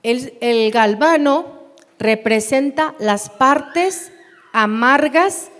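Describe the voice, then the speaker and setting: A woman with a Mexican Spanish accent teaching a Bible class in a church, unhurried and often asking her listeners questions. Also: high-pitched, expressive, a bit bright. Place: church hall. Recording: long hall reverb.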